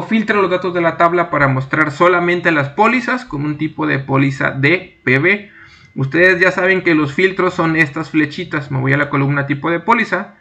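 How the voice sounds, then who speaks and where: A young man walks through a software tutorial, reading each task aloud and then talking through his clicks one by one. His voice is bright and a touch raised in pitch, with a gravelly edge. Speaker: instructor. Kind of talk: screen-recorded software tutorial.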